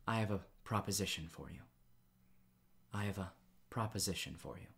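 A calm superhero who commands a living tornado speaks softly, almost in a whisper, as a man puts him on. This is whispered role-play in an audiobook, the voice very deep and hushed. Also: normal speed. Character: soft-spoken male hero, living tornado.

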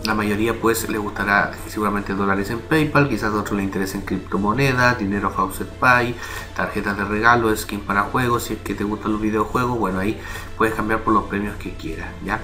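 A man with a somewhat low voice narrates a screen recording, walking viewers through a website in a relaxed, explanatory way. He keeps checking in with quick asides to his audience. Music plays clearly beneath his desktop-mic voice. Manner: casual, explanatory, frequent "¿ya?" and "¿vale?" check-ins. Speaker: tutorial host. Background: background music.

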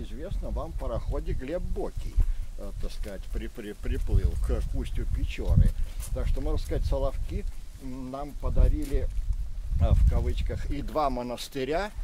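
A man in his sixties giving unscripted, reflective public remarks outdoors, with frequent hesitations. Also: mid-range voice. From Russia. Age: 60s. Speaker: speaker at memorial rally. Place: outdoors in a park by memorial stones. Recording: faint outdoor background noise.

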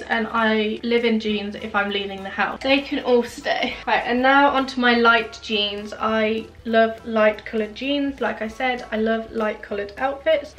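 A woman's voice: on the high side, a bit bright. A woman in her twenties giving a casual wardrobe tour at home, chatting and thinking aloud as she hunts for the right words. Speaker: fashion vlogger.

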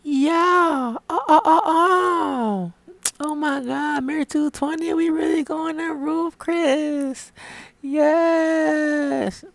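A man's voice: very high-pitched, steady tone, drawn-out words, gravelly, fairly bright tone, voice pushed up, exaggerated voice. A man putting on a squealing, giddy young woman. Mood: starstruck squealing. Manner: squealing and gushing, slangy. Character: giddy starstruck young woman, loud and excitable. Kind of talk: comedy skit character voice.

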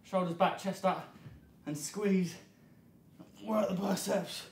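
A man in his 30s, a fitness coach, talks in a high voice with fairly even intonation and a slow pace, out of breath as he exercises and gives short motivational cues. He's in an indoor gym studio with a hard floor, and the room echoes with audible background noise.

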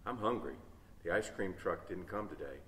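A man's voice: low-pitched, animated, normal speed, a bit bright, a little hiss or hum. A man voicing a curious little boy. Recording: echoey church hall, distant mic.

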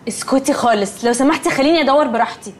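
A woman's voice: sits high, rapid-fire, slight background noise, lightly acted. An actress playing a haughty Egyptian woman. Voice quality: haughty dismissive delivery. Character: snobbish young woman who drops in English words.

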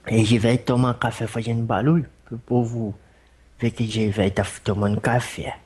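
A medium voicing an old male spirit elder with a Brazilian accent, speaking in a husky, folksy, rambling way during a religious consultation. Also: mid-range voice, steady tone, moderate pace, darkish tone, lightly acted. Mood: fatherly. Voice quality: husky, rambling, folksy speech with fond asides.

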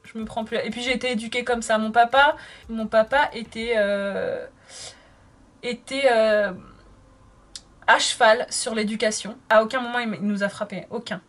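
A French makeup vlogger in her thirties chats casually while doing her makeup, reading viewer comments aloud and responding to them. Her voice is fairly high and fairly bright, with a steady tone and normal speed.

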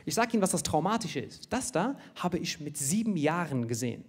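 Guy from india doing standup, high voice, animated, jokey, keeps tagging "ne?". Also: a little fast, breathy edge. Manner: animated, jokey, frequent tag questions. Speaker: stand-up comedian. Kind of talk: stand-up comedy.

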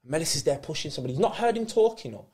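A man's voice: fairly high pitch, very fast. A man, a podcast guest and former footballer, telling stories in casual slangy chat. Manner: animated storyteller, laughs through punchlines, slangy.

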